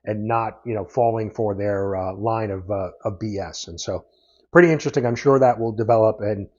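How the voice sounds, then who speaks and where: A man's voice: on the low side, normal speed, a little mellow. A man giving a casual comic book review, recapping the plot in a loose, meandering way. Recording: dull lo-fi audio.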